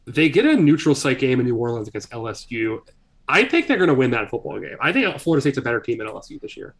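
A man co-hosting a casual sports podcast, going game by game with animated, hedging takes. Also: medium pitch, fast. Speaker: podcast co-host.

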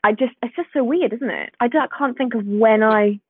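A woman's voice: fairly high pitch, brisk, husky, no room sound. A woman from Swansea with a light Welsh accent, chatting casually and self-deprecatingly as a guest, with a giggly manner. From Swansea, Wales. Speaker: podcast guest, small business owner. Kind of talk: casual chat. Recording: thin band-limited phone-like call audio.

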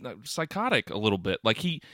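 A man co-hosting a podcast in a casual chat, talking in an animated, rambling, exclamatory way. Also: lowish voice, quick pace, dry recording. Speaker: podcast co-host.

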